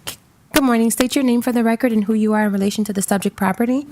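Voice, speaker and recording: A woman presiding as magistrate at a code hearing, speaking in a measured, procedural way with fillers, captured in a courtroom recording. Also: on the high side, steady tone, a little mellow, slight background noise. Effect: courtroom recording from a hearing room. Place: public hearing room.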